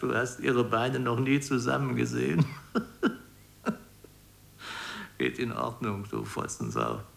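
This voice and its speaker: A coarse, no-nonsense justice minister handles a phone call with blunt, matter-of-fact talk in a radio play. His voice sits at a middle pitch and moves in a lively way. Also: creaky, full character voice. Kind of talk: 1990s radio play satire.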